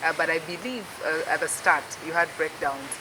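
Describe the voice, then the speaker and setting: A woman with a low voice hosts a TV business interview show, speaking at a moderate pace in a chatty, upbeat way full of fillers. The recording is noisy, with a steady hiss.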